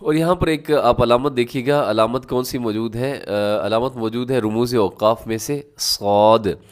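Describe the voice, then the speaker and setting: Clear-voiced man teaching Quran recitation. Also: medium pitch. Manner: explains rules, then models each word slowly and loudly; asks rhetorical questions to the class. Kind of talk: tajweed lesson.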